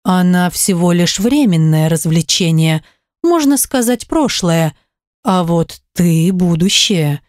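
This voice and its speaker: Woman voicing a low, slow-drawling arrogant man, audiobook menace. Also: animated, darkish tone, no room sound, studio quality. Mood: smug. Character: smug menacing male rival, slow and low. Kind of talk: audiobook character reading.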